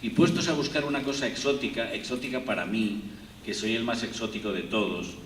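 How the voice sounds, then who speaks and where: A guest lecturer from Spain with a Spanish accent gives a rambling university lecture full of fillers and restarts. His voice is fairly low, fairly quick and a bit bright, heard distantly in an echoey lecture hall with faint room noise.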